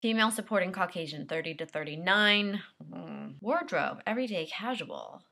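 A woman in her twenties doing a comedic sketch as an actress, dry and sarcastic, with deadpan asides. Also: lowish voice, normal speed, gravelly, heavy background noise. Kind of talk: comedic self-tape sketch.

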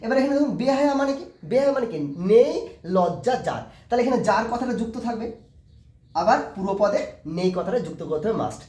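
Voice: medium pitch, animated, fast talker, warm tone, roomy sound. A teacher giving a grammar lesson, often asking a question and answering it, repeating the key words.

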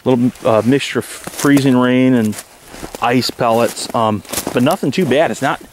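A man's voice: mid-range voice, moderate pace, a little hiss or hum. Rambling man camping outdoors in snow. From Michigan, USA. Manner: relaxed, rambling, many ums and uhs. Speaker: outdoor vlogger. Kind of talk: casual camping vlog. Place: snowy woods outdoors, under a tarp shelter.

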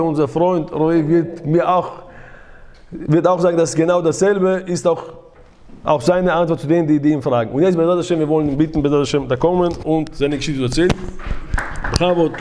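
A rabbi telling a parable to an audience, asking listeners questions and adding sound effects. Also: male voice, fairly high pitch, brisk, a little mellow.

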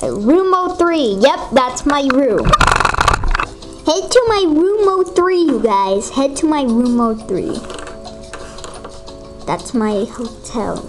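A woman giving excited gameplay commentary, gasping and exclaiming often. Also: sits high, slow pace, pauses often, music in the background. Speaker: gamer.

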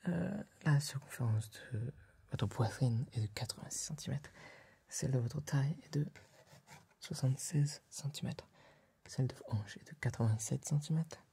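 A young man whispers into a close ASMR mic, playing a polite, fastidious tailor serving a client in a small room styled as a workshop. His breathy, hesitant voice is medium in pitch, mellow and husky with vocal fry, at a moderate pace.

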